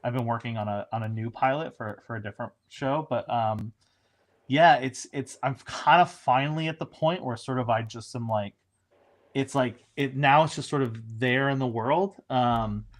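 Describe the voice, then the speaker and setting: A man's voice: mid-range voice, moderate pace. A man, a showrunner, chatting casually in an interview, rambling with frequent restarts and fillers.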